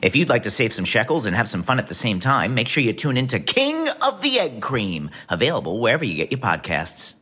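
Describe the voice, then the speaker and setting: A man playing a pitchman in a spoof ad, rattling off a bright comic sales pitch. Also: huge pitch swings, a little fast, hardly any pauses, slightly rough, full character voice. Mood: salesy. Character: man hawking a drink in a spoof ad. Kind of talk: comedy podcast ad parody.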